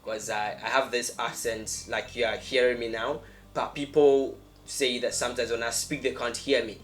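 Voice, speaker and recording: A man's voice: mid-range voice, level tone, normal speed. A young Ghanaian-accented man hosting a podcast in a casual, conversational way, often repeating phrases for emphasis. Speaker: podcast host.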